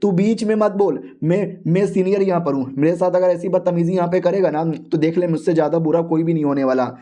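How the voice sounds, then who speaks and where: A furious elder bellows threats and orders people around, as a man voices him in a story recap. The voice sits high and mellow rather than booming. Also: steady tone, a little fast, lightly acted. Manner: shouting threats, bossy. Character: furious vengeful male elder, middle-aged.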